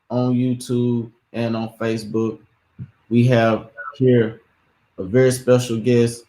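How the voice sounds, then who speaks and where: A man's voice: mid-range voice, darkish tone, echoey room. A man hosting a live-stream interview show, rambling, repeating his words and hyping up his audience.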